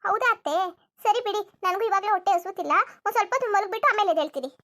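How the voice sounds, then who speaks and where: A woman's voice: extremely high pitch, lively intonation, rapid-fire, bright, forceful tone, heavily acted. A woman voicing a lazy, sleep-loving young daughter-in-law in a cartoon comedy, cheeky and argumentative. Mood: placating. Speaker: narrator addressing viewers.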